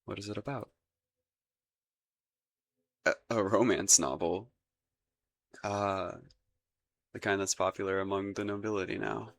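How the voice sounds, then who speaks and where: In a romantic roleplay audio, a man acts as a shy, lovestruck young crown prince, speaking in a lowish, steady, gravelly voice. He's unhurried and leaves long pauses, stammering and hesitating through formal courtly phrasing. He comes across as curious and embarrassed.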